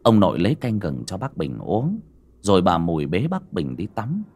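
A man narrating a horror audiobook in an expressive storytelling manner. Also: low-pitched, moderate pace, creaky.

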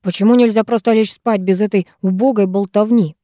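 A woman's voice: medium pitch, steady tone, brisk, mellow, no room sound, studio quality, natural voice. Woman voicing a sullen, scornful teen girl. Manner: curt, scornful. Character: sullen, sharp-tongued teenage girl.

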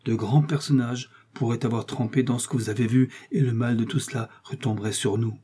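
A man's voice: medium pitch, fairly even intonation, brisk, warm tone, breathy edge, close to an everyday voice. A man voicing an ardent, impulsive young guardsman who speaks with urgent earnestness in a raised voice. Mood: earnest.

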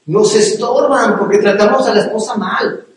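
A man's voice: high-pitched, normal speed. A middle-aged man with a Mexican accent preaching a sermon to men, earnest and repeating himself for emphasis, often checking in with "¿sí?". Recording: very echoey hall, speaker far from the mic.

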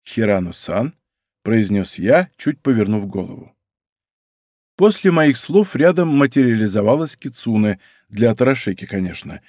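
A man narrating a first-person audiobook in a wry, expressive manner, close to the microphone. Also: medium pitch, moderate pace, no room sound.

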